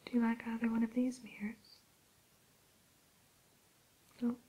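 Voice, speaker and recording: A woman playing a haughty evil fairy-tale queen turned shopkeeper in a breathy ASMR whisper, speaking in a genteel, unhurried way. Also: a little high, monotone, dark tone, voice pushed up, poor audio. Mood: genteel, disdainful. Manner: genteel, aloof, unhurried, hesitant pauses.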